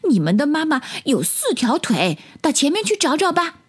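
A woman voicing a friendly mother fish in a storybook, speaking softly and a little breathily. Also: high-pitched, sing-song, normal speed, pitched above the performer's own voice.

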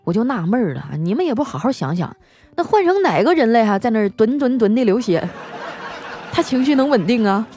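A woman's voice: fairly high pitch, very animated, quick pace, warm tone. A woman host telling comic family stories in a chatty, teasing way, laughing often. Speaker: radio-style host. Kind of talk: comic storytelling monologue.

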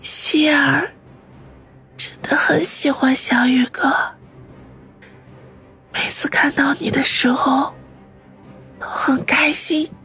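A woman voicing a badly wounded young girl who talks in a weak, halting, breathy whisper. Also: sits high, fairly even intonation, a bit bright, soft background music. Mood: weak, tender. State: dying, weak. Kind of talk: audiobook character voice.

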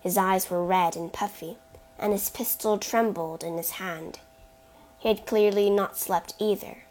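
A woman narrating a chapter book in a slow, deliberate reading voice. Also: mid-range voice, steady tone, a little mellow. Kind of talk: storybook narration.

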